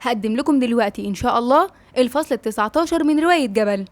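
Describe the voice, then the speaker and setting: A woman's voice: fairly high pitch, rapid-fire, dry recording. A woman with an Egyptian accent hosting a channel and reading a novel aloud with affectionate, chatty asides. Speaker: audiobook narrator and channel host.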